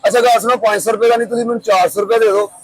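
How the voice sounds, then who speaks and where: A man's voice: high-pitched, fairly even intonation, rapid-fire, slight background noise, low-quality recording. A man with a Punjabi accent from Pakistan, doing a street prank, pleading for money, then teasing with insults. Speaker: prank comedian.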